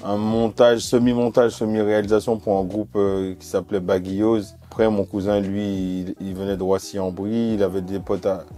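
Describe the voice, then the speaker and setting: Deep-voiced man from Martinique, hesitant. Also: little pitch movement, normal speed, hardly any pauses, mellow, soft background music. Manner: hesitant, many fillers and restarts. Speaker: music video director, guest. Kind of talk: relaxed interview chat.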